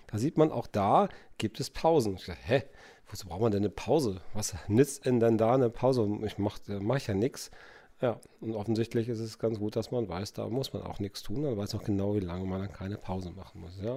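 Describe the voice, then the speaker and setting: A man's voice: fairly low pitch, mellow. A man hosting a podcast alone, thinking aloud in a musing way with many hesitations and fillers. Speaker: podcast host. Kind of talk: reflective solo podcast talk.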